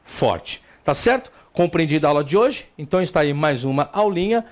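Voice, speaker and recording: A man's voice: fairly high pitch, lively intonation, a little fast. A Brazilian man teaching a recorded Hebrew lesson, explaining step by step and asking and answering his own questions. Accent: Brazilian Portuguese. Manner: voices students' questions to himself.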